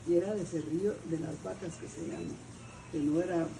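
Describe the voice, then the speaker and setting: A fairly low, creaky voice at a fairly quick clip belongs to an older woman from Guatemala with a Guatemalan Spanish accent. Telling family history in an oral history interview, she meanders, backs up and hunts for names. A distant microphone catches birds cooing in a noisy background.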